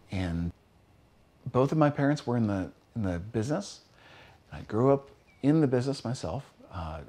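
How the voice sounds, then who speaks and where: Older man from Pennsylvania, barbershop owner, documentary interview, halting with fillers, mid-pitched voice. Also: warm tone. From Pennsylvania, USA. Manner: hesitant, many fillers and restarts. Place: small wood-panelled barbershop. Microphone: seated, medium camera framing. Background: music.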